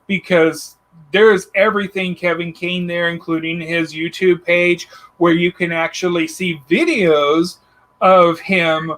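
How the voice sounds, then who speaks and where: A man's voice: high voice, fairly even intonation, measured pace, fairly bright tone. A man hosting a radio talk show, upbeat, plugging the guest's links and laughing along. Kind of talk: casual radio chat.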